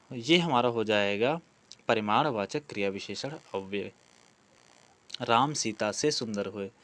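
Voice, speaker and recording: This medium-pitched male voice has no room sound. As a Hindi grammar teacher for exam preparation, he gives a grammar lesson, explaining practice questions one step at a time, asking questions and supplying the answers himself.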